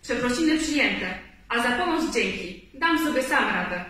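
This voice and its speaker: A woman's voice: a little high, animated, moderate pace, bright, forceful tone, heavy reverb, distant mic. A woman reading aloud, voicing a fussy, tidy male rabbit who exclaims in exasperation. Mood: exasperated. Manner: exclaiming, put-upon.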